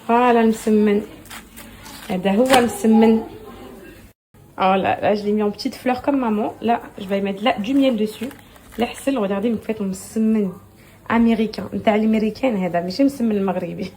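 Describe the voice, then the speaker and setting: A woman vlogging casually on her phone at home, chatty and excitable, talking straight to her followers and laughing often. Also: medium pitch, a little fast, slight background noise. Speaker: lifestyle vlogger. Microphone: phone held at arm's length.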